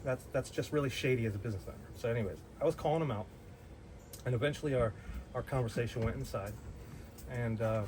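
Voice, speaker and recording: A man's voice: medium pitch, quick pace, darkish tone, a little hiss or hum, rough recording. A man telling a personal story in a blunt, heated way, swearing freely and often restarting his sentences. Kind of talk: casual storytelling.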